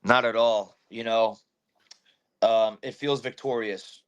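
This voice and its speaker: A man's voice: medium pitch, takes it slowly, smooth. A man who fights bare-knuckle, talking brashly after a bout, swearing and telling fight stories with energy. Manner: brash, swearing, animated storytelling. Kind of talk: post-fight interview.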